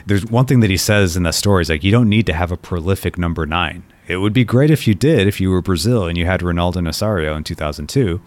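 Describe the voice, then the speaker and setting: Guy from colombia riffing on soccer by himself, low voice, keeps restarting lines. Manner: thoughtful, frequent restarts and repeated words. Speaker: soccer writer and podcast host. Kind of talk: solo commentary.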